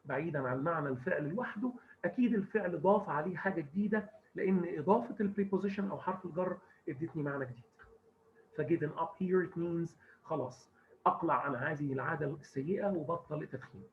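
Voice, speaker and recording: A man's voice: fairly high pitch, fast. A man with an Egyptian Arabic accent teaching English grammar and mixing English terms into his explanations. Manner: explains step by step, stresses words carefully. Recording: muffled lo-fi recording with faint hiss.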